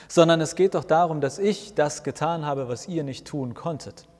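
Jesus as a calm, earnest housemate in an audio story, read by a man, long hall reverb. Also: a little high, moderate pace, close to an everyday voice. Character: Jesus as a relaxed, cheerful housemate.

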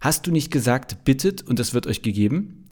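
A man voicing Trixie, a no-nonsense adult woman who scolds brisk and impatient. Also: medium pitch, expressive, darkish tone, husky, pitched above the performer's own voice. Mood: scolding.

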